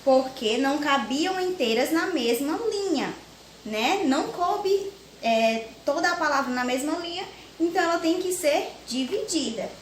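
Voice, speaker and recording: A young woman with a Brazilian Portuguese accent teaching a children's grammar lesson, slowly and patiently breaking words into syllables. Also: high voice, lively intonation. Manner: slow, patient, spells syllables out one by one. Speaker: primary school teacher. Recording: echoey room with faint hiss.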